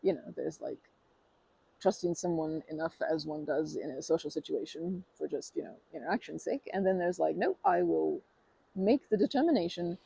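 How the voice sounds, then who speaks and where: Low-pitched, gravelly, mellow and husky, this woman talks at a normal pace in a low-quality recording. She performs an ASMR roleplay as a friendly stranger speaking to the listener, earnest and chatty but rambling and hesitant, often restarting and correcting herself, with light laughs throughout her friendly, earnest manner.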